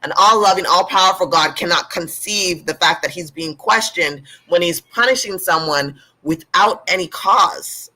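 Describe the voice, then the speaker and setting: Brief: male host, fairly high and bright voice, reads scripture and mocks it in casual, profane asides. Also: moderate pace, hardly any pauses, low-quality recording. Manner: irreverent, sarcastic, cursing. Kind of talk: reading and commenting on scripture.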